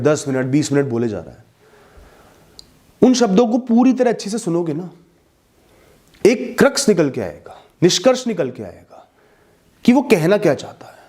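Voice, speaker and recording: Man giving lively motivational advice. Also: fairly high pitch. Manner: earnest advice-giving, mixing English words into Hindi. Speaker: motivational speaker. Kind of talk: motivational talk addressed to listeners.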